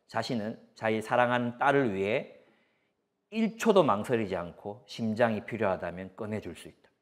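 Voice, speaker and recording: A pastor in his forties giving a sermon, with an emphatic, repetitive preaching cadence and personal anecdotes. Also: medium pitch.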